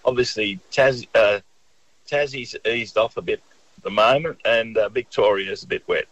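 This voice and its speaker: Aussie guy calling into radio about travel, lowish voice, muffled line, kinda hesitant. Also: normal speed, fairly bright tone. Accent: Australian. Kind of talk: casual radio chat. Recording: dull lo-fi radio call.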